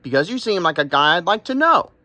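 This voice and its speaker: Guy doing a squawky old crow, high and chirpy, dry sound. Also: big pitch swings, a little fast, pushed and bright, no room sound, exaggerated voice. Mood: friendly. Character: mangy squawky old male crow, friendly.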